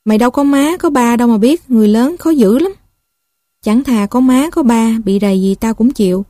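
A woman's voice: on the high side, brisk, warm tone, dry recording, studio quality, natural voice. A woman with a Southern Vietnamese accent voicing a timid, sulky runaway young boy who tries to sound grown-up. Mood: arguing. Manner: defensive, trying to sound grown-up.

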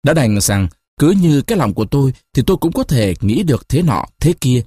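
A man voicing a shy, evasive young village man who talks gently and hesitantly. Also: mid-range voice, sing-song, a little fast, husky, no room sound, studio quality. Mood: pleading.

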